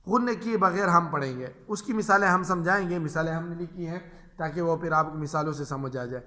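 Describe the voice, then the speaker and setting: A man with an Urdu accent teaching Quran recitation rules, speaking patiently and repeating each example slowly in a drawn-out chant. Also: fairly high pitch, pushed and bright, roomy sound.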